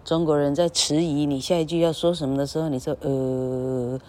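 Under an elevated railway bridge, a woman with a deep, darkish voice teaches English vowel sounds in casual Mandarin with a Taiwanese accent, talking quickly with fairly even intonation. In this casual spoken lesson she drawls out each vowel she demonstrates and tags her phrases with a little "ha."

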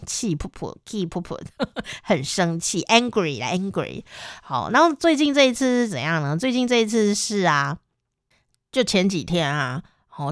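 A young adult woman with a Taiwanese Mandarin accent hosts a casual podcast, her voice fairly low and recorded in a clean studio with no echo. She tells stories animatedly and laughs often.

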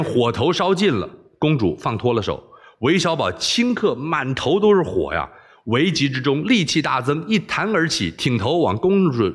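Animated storyteller man. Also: mid-range voice, husky. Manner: animated, expressive.

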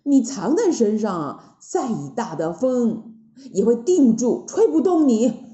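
A woman voicing a calm, kindly male bodhisattva in a told story, slow and soothing. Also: fairly high pitch, echoey room, dull audio.

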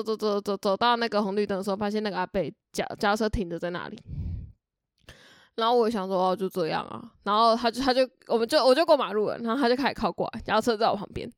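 A young woman from Tainan with a Taiwanese Mandarin accent tells a story in a casual podcast chat. She is animated, laughs often and repeats words as she talks. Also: a little high, no room sound, clean studio sound. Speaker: podcast co-host.

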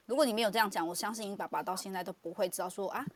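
A woman hosting a relaxed conversation streamed live from an online audio room. She talks at a brisk clip, animated and quick to laugh, with plenty of filler words. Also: mid-range voice, over a noisy crowd. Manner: fast, animated, laughs often, many fillers. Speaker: podcast host.

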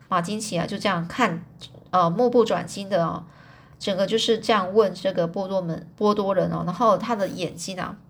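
A woman casually retelling a story, chatty, pausing to explain hard words, with many fillers. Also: medium pitch.

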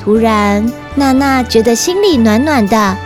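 A woman's voice: fairly high pitch, lively intonation, unhurried, over music. A woman with a Taiwanese Mandarin accent telling stories to children as a kids show host, speaking directly to little listeners. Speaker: children's story podcast host and narrator. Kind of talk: storytelling narration for children.

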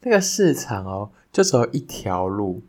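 A young man hosting a podcast, telling a childhood story in a casual, animated way that turns sincere when he gives thanks. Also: moderate pace. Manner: animated, jumps higher when retelling the scary parts. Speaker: podcast host.

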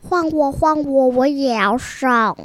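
A woman voicing a mischievous grey cat who pleads in a drawn-out way in a children's storybook. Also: high voice, heavy background noise, voice pushed up. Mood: pleading.

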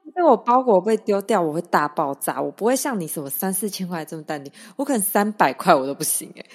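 A woman's voice: lowish voice, lively intonation, fast talker, breathy edge. A woman co-host in casual chat, responding to a story and adding her own take.

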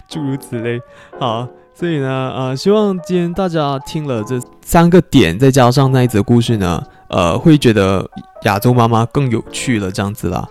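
A man's voice: mid-range voice, animated, normal speed, darkish tone, soft background music. A young man hosting a podcast in a chatty, self-mocking storytelling style. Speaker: podcast host. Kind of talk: casual storytelling monologue.

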